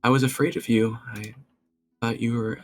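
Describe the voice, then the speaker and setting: A man voicing a timid, tearful young woman who stammers softly. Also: medium pitch, steady tone, faint music behind, voice pushed up, close to an everyday voice. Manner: stammering, soft and halting.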